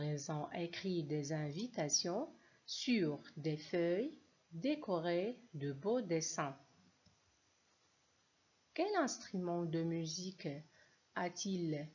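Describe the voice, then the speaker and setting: A woman teacher speaks very slowly and patiently, spelling out sounds and syllables for young learners. Her voice sits a little low, and the recording is dull and lo-fi. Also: lively intonation, darkish tone, slightly rough. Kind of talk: slow, clear reading lesson for children.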